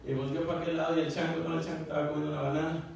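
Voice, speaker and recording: A man gives a casual, folksy Spanish sermon in a church sanctuary, speaking very fast in a flat, creaky, darkish voice on the high side. He keeps repeating little asides like "¿verdad?" and "hermano" and restarts his words, recorded from far off in the echoey church with a little hiss or hum.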